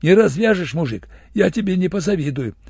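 A man's voice: high-pitched, lively intonation, fairly quick, gravelly, darkish tone, husky, no echo, clean studio sound, pitched above the performer's own voice, heavily acted. A man doing a whiny grey-haired old thug. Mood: threatening. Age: older. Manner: whiny pleading, then sullen threats. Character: grey-haired captured male thug, cowardly, wheedling.

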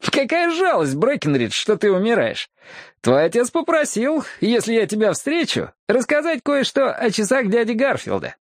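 A man doing a high sneering frontier rival. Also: huge pitch swings, moderate pace, no room sound, studio quality, full character voice. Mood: gloating. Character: gloating male frontiersman rival, smug and mocking. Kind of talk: audiobook character voice.

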